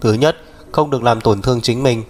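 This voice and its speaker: Một người đàn ông đọc truyện, đóng vai người anh trai trẻ bảo bọc, hay ra lệnh, nói chắc nịch kiểu lên lớp. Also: male voice, medium pitch, fairly quick, a little mellow, close to an everyday voice. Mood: lecturing. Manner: firm, lecturing. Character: young man, protective bossy older brother.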